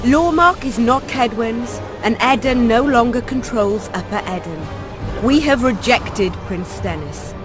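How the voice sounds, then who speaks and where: A woman's voice: on the high side, animated, unhurried, music in the background. A woman playing a proud, defiant young rebel queen in a video game, speaking formally and firmly. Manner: formal, firm. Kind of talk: video game dramatic dialogue.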